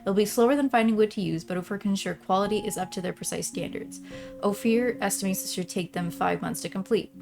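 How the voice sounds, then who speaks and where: Here the same streamer talks fast in a mid-range, gravelly, slightly mellow voice, with faint music behind her. Playing through a visual novel, she reads narration out loud and drifts into casual remarks, frequently leaving thoughts unfinished.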